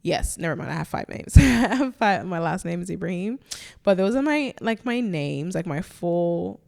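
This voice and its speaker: A woman's voice: fairly low pitch, animated, normal speed, vocal fry, a little mellow. A young woman from Nigeria hosting a solo podcast, chatting casually with playful, self-teasing asides. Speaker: podcast host.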